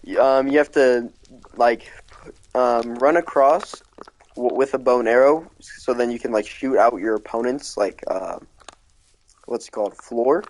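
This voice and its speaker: A man's voice: medium pitch, measured pace, low-quality recording. Sleepy rambling young guy gaming. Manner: rambling, heavy on fillers like "like" and "um". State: sleepy, yawning. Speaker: video game creator touring his build. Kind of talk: casual gameplay commentary.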